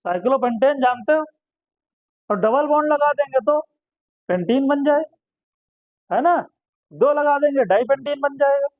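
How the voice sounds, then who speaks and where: A man teaching chemistry in a very high voice. He keeps quizzing his class and answers his own questions at once. The sound is dry and close, with a dull, muffled tone. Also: a little mellow, dry recording. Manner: asks students questions and answers them himself, repeats terms. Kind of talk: classroom lecture.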